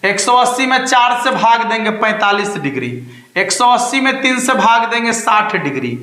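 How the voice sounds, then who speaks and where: A man with a Bihari Hindi accent teaching a math lesson online, coaxing students with drawn-out questions and emphatic promises. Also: very high-pitched, lively intonation, pushed and bright, echoey room, poor audio.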